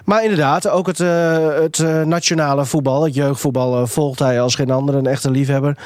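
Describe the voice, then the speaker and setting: A man's voice: fairly high pitch, fairly even intonation, a little fast, a little mellow, dry recording, studio quality. A man from hosting a live football chat show, hesitant with many fillers and restarts. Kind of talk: casual live broadcast chat.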